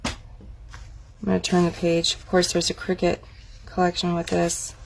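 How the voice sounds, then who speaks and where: A woman's voice: fairly low pitch, monotone, moderate pace, creaky, slight background noise. A woman casually walking viewers through a craft catalog, chatty and admiring, thinking aloud as she goes. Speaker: craft demonstrator. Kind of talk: casual product walk-through.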